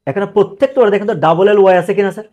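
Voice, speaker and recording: Male grammar teacher, somewhat high voice, quizzes the class and answers himself. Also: rapid-fire, darkish tone, highs cut off. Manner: asks questions and answers them himself. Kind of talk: live online class.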